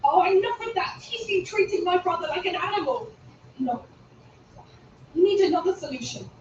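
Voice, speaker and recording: A woman's voice: extremely high pitch, expressive, moderate pace, slight background noise. An actress playing a fierce, protective young woman who is anxious about her sick brother, speaking in urgent, pleading video game dialogue. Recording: distant roomy lo-fi game audio captured on a stream.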